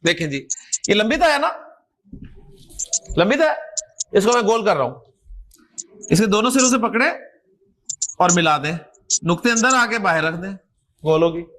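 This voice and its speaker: A male Arabic grammar teacher with a Pakistani Urdu accent and a strikingly high voice. He explains patiently, repeats each example and keeps asking the class whether they follow. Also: big pitch swings, long pauses, a bit bright. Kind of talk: recorded grammar lecture.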